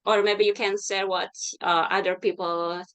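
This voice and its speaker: A woman's voice: medium pitch, level tone, moderate pace, fairly bright tone. A woman moderating an online discussion over a video call with a patchy connection, apologizing and checking that others can hear her.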